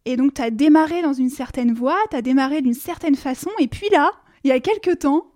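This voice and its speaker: A woman's voice: high voice, brisk, mellow. A woman hosting a podcast interview, asking long, rambling questions in an encouraging way.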